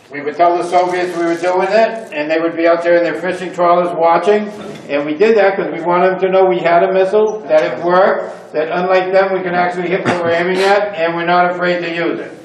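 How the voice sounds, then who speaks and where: A man guiding a tour through a missile silo, his voice echoing around the underground space, with a dramatic delivery that slows for emphasis. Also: high voice, slight background noise. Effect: echoing inside an underground missile silo. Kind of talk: guided tour talk. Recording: echoey silo, voice from a distance.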